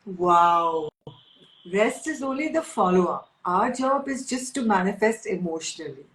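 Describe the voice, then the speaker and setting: A woman's voice: medium pitch, very animated, a little slow, a bit bright. An Indian-accented woman speaking enthusiastically in a spiritual talk, repeating key phrases for emphasis. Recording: echoey room.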